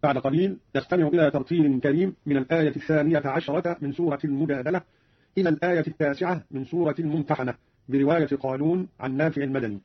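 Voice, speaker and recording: A man's voice: fairly high pitch, slightly rough, dry recording, muffled recording. A man giving a formal, precise broadcast explanation of recitation readings, heard on an old archival radio recording. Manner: measured, scholarly, precise phrasing.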